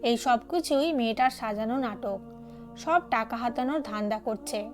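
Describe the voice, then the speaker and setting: A scornful, suspicious older father, read by a woman in an audio story. He speaks in accusing, dismissive lines in a high voice, with soft music faint behind. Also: normal speed, close to an everyday voice.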